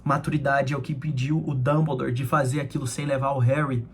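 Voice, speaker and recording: A man's voice: mid-range voice, flat delivery, fairly quick, slight background noise. A young man giving a conversational devotional talk, addressing his listeners as friends.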